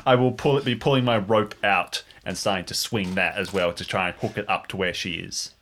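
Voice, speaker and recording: A man's voice: low-pitched, steady tone, fairly quick, fairly bright tone, a little hiss or hum. A man playing a tabletop role-playing game, speaking casually in and out of character.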